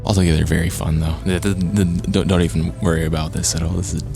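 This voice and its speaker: A man's voice: deep voice, little pitch movement, quick pace, gravelly, over music. A man giving casual game review commentary, often stammering and repeating his words.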